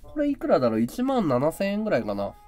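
A male live streamer in casual chat, with a high, carrying voice, explaining his audio setup. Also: wildly swooping pitch, fast talker, a little mellow, faint music behind. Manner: chatty, explains his audio gear and voice tricks. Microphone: desk mic through an audio interface and mixer.

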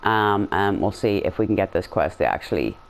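Low-voiced man rambling over a game. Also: sing-song, fairly quick, creaky. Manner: rambling, blunt, slangy. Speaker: gaming video host. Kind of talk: casual game commentary.

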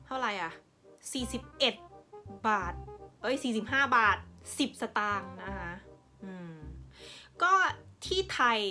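A woman's voice: a little high, pushed and bright. A woman giving a casual, playful product review as a vlogger. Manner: chatty and playful, sprinkles sweet sentence endings. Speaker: vlogger reviewing a Japanese drink.

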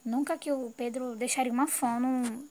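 A young Brazilian woman tells her viewers a story in a casual vlog. Her voice sits high, and she reads out chat messages with lively emphasis. A faint hiss runs underneath. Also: moderate pace. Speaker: vlogger.

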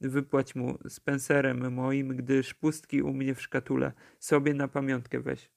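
A man's voice: medium pitch, flat delivery, measured pace, creaky, a little mellow. A man reading aloud the farewell letter of a dying young village teacher, written wry and plain.

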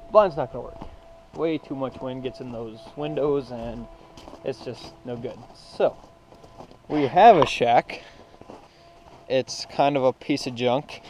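A young adult man narrates a casual vlog to his action camera in a mid-range voice, speaking slowly with long pauses over background noise. Moving between a garage, the snow, and his truck, he rambles with lots of "so" and "yeah."

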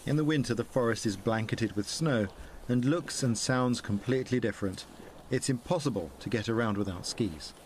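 A middle-aged man with an English accent explains wilderness skills in a measured, friendly way. He is recorded outdoors in a snowy forest on a clip-on mic, with faint ambient noise underneath his voice. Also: medium pitch. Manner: calm, explanatory, enthusiastic about nature. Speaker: wilderness presenter. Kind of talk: documentary narration and outdoor explanation.

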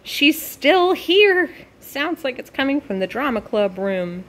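A frightened game girl, as a woman puts her on, pleading breathlessly for help in a voice pushed well above the speaker's own low register. Her words come slow and drawn out, like a scared plea to a player. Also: sing-song, heavily acted.

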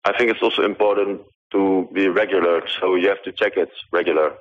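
Speaking fairly quickly in a low, steady voice, this man from the Netherlands has a Dutch accent and works as a video artist. He hesitates and says um a lot while answering interview questions on a bad phone connection.

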